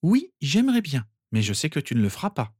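A man's voice: a little high, wildly swooping pitch, fairly quick, a little mellow, no room sound, clean studio sound, voice pushed up. A man voicing a spirited, teasing teenage girl.

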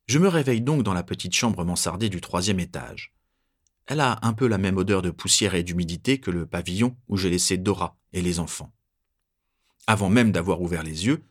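Deep-voiced man narrating a first-person story; husky, measured, steady tension.

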